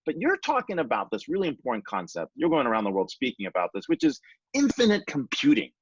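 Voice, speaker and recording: A man's voice: medium pitch, wildly swooping pitch, quick pace, slightly rough, dry recording. A man hosting a casual show interview over a video call, asking questions with frequent fillers. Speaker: show host. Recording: dull lo-fi call audio, dry.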